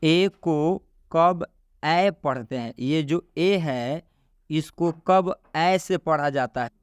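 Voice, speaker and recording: A man teaching English pronunciation, spelling out sounds slowly and repeating key words. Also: a little high, clear, resonant tone, no room sound, clean studio sound. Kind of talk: slow explanatory lesson.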